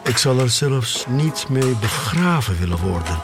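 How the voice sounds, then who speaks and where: An actor plays a wistful man of the future who is obsessed with sneakers, telling his story in a deliberate, dramatic radio-drama monologue. His medium-pitched voice swings widely and sounds possessive and intense, set over loud music.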